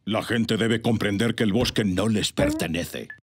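Low, haughty royal flamingo. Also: male voice, unhurried, slightly rough, faint music behind. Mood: cold, impatient. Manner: pompous, imperious. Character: haughty royal flamingo builder, cold and scheming. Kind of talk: animated series villain acting.

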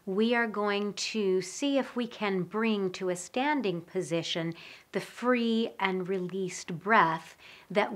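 A woman voice coach leading a guided breathing lesson, speaking in a slow, calm, instructional way. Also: medium pitch.

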